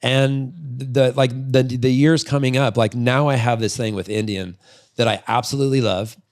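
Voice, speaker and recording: In a long-form interview, a retired freestyle motocross rider turned business owner, in his forties, tells stories casually as a podcast guest. His mid-range voice is steady and darkish at a moderate pace, and he's candid, rambling and swears freely.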